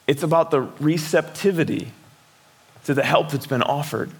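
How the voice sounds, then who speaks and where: Conversational preaching man, slightly high. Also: moderate pace, gravelly. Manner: conversational preaching with repeated words and rhetorical questions. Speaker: pastor. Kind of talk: sermon.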